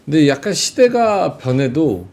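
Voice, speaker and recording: A male anchor of a live market show, reading a brisk product pitch between chat with his guests. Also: very animated, gravelly, darkish tone.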